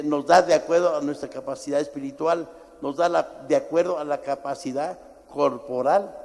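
A middle-aged man preaching a sermon as pastor, forceful and emphatic, swinging from shouts to low asides. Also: vocal fry. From Mexico. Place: church. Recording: church hall with long reverb.

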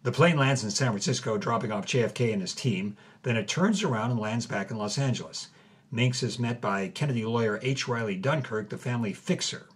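Fairly quick and husky, this medium-pitched male co-host narrates a scripted story with chatty asides. He savors reading old headlines aloud with wry amusement.

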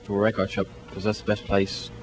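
A man's voice: on the low side, monotone, brisk, over music. A young man in his twenties from Ireland with an Irish accent, talking bluntly and dismissively into a handheld mic in a mall. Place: indoor shopping mall. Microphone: handheld mic held by interviewer.

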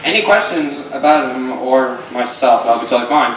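On a small indoor comedy stage, a young amateur ventriloquist with a medium-pitched voice talks fairly quickly yet hesitantly as the straight man in his routine. The audience-side camera captures his stage mic from afar, leaving the sound echoey and full of venue noise.

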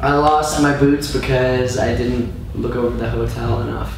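A man's voice: mid-range voice, normal speed. A man, a touring musician, talking loosely and rambling after a show. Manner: loose, rambling, animated storytelling. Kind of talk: casual post-show interview. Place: backstage room, indoors. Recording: distant, very echoey room, faint noise.

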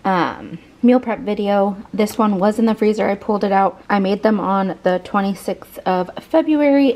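A woman's voice: medium pitch, a little mellow. Woman in her 40s narrating dinner prep in her kitchen, chatty, lots of restarts, phone camera. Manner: chatty, talks while cooking, many restarts. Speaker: home cook vlogger. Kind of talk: casual cooking vlog narration. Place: home kitchen, indoors.

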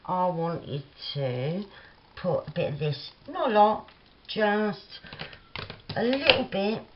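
This Cockney craft vlogger from London has a lowish voice and is very animated, though she speaks at a slow pace. She chats and thinks aloud at her craft desk during a casual tutorial, and the audio sounds dull.

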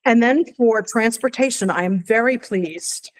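In a library room, a woman acting as school superintendent gives a board meeting report that is informal and somewhat halting. Her voice sits fairly high, and the recording is rough.

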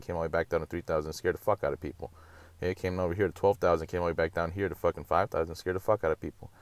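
A man giving a casual, profane rant on market charts and mocking others. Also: no room sound. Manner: profane, rapid, ranting, mocks others in high voices. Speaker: crypto market commentator.

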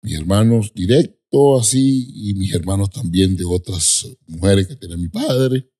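A man with a somewhat low, husky voice recounts his conversion story in an interview. He speaks emphatically, leans on repeated words and suddenly lifts into high, stretched tones when he quotes the people in his story. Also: lively intonation, unhurried, mellow. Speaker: apostle sharing his testimony. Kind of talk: personal testimony storytelling.

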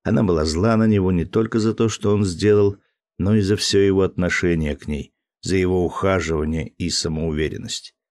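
A man reads an audiobook in a very low voice. His narration is measured and even. The studio sound is dry, with no room echo. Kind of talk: scripted narration.

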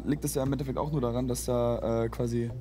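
A young man on a quiz show, talking in a lively way and acting out little scenes to make his point. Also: mid-range voice, fast, soft background music. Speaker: quiz contestant.

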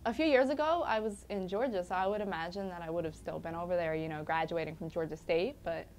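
Here the young Liberian interviewee speaks quickly in a fairly low, darkish voice. The casual interview takes place on an indoor studio set with curtains and music underneath, and she stays chatty, laughing often and filling gaps with fillers.

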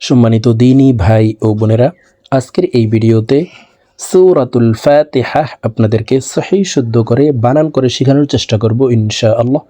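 A man's voice: medium pitch, moderate pace, warm tone. A man with a Bangladeshi Bengali accent teaching Quran recitation syllable by syllable, patiently repeating each sound and drawing the words out for learners to copy. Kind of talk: spelling-out Quran lesson, slow drawn-out recitation.

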